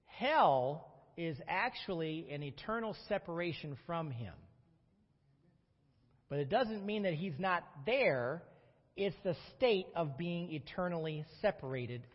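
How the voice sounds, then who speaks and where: A man's voice: on the high side, a little slow. A man leading a group Bible study, talking with his class and asking them questions. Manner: lively, conversational, questions the class. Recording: dull audio with long room reverb.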